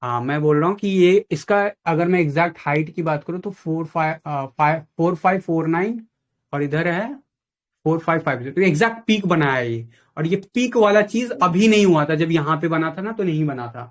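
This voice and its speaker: A man's voice: fairly high pitch, animated, a little fast. Blunt man giving trading advice. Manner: blunt, advising, mixes in English phrases. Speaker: trading mentor. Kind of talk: casual live chat with a caller.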